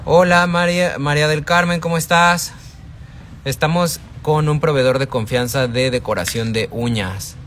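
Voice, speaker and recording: A man's voice: on the high side, fairly even intonation, moderate pace, a bit bright, slight background noise. A man with a Mexican accent hosting a casual live stream from a shop, talking to viewers by name and answering their chat. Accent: Mexican Spanish. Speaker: live-stream shopping host. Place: indoors in a wholesale shop. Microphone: phone held at arm's length.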